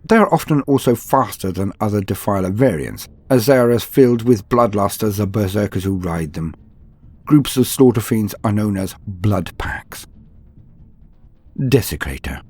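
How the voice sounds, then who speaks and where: The host of a tabletop wargame lore channel reads scripted fantasy lore in a grand, ornate and formal manner. His voice sits lowish and sounds a little mellow and husky.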